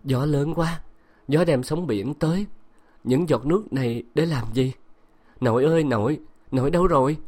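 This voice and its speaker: A man's voice: on the high side, moderate pace, a little mellow, voice pushed up, natural voice. Man doing a feverish young woman, delirious, raised voice, drifting dreamy talk.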